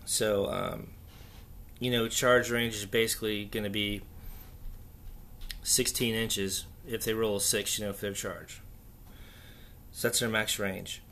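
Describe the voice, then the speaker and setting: A man hosting a casual, unscripted solo hobby chat, thinking aloud haltingly in an echoey, stripped-out bunker room. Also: fairly low pitch, level tone, a bit bright, a little hiss or hum. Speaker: podcast host. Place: echoey indoor room under renovation, torn-out walls.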